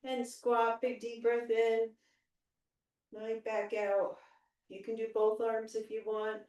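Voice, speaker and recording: A woman's voice: on the high side, completely flat delivery, takes it slowly, darkish tone, muffled recording. A woman instructing a home workout, giving encouraging cues and countdowns as an exercise instructor. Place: indoor room. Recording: very echoey room, distant microphone.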